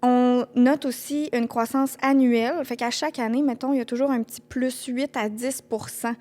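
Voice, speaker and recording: A woman's voice: fairly high pitch, steady tone, normal speed, mellow. A young woman with a Québécois accent hosting a casual chat, sharing statistics with playful swearing. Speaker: podcast host.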